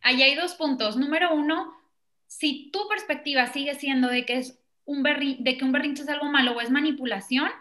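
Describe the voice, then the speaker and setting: Woman, parenting expert; high, bright voice, animated explainer. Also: fairly quick. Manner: animated, acts out children and parents in quoted voices. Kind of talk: explanatory conversation.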